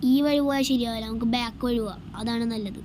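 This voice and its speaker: High-pitched Malayali woman gamer, English mixed in, noisy. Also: fairly even intonation, fast. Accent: Malayali (Kerala). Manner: addresses viewers repeatedly, repeats phrases. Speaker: gaming YouTuber. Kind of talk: casual game commentary.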